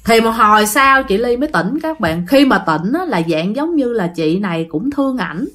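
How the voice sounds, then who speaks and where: A woman's voice: on the high side, sing-song, moderate pace, fairly bright tone. A woman with a Southern Vietnamese accent telling a ghost story in a chatty, casual way and talking straight to her listeners. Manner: chatty, addresses listeners directly.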